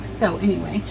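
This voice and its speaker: A middle-aged woman vlogger chats casually at home while preserving herbs, rambling with many ums and restarts as she works. Her voice is medium in pitch and creaky, with background noise.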